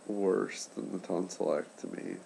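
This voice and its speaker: A man in his late twenties vlogs about recovering from throat and nose surgery, his deep, slow, creaky voice congested and his articulation impaired. He keeps his voice hushed and subdued so as not to wake someone sleeping, speaking haltingly with trailing pauses. Faint noise sits in the background.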